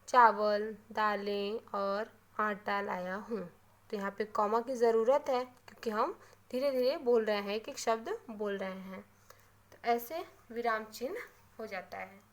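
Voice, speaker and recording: Hindi teacher woman, slightly high voice. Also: darkish tone. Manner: repeats key terms slowly, frequent "है ना" tag questions. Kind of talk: classroom grammar lesson.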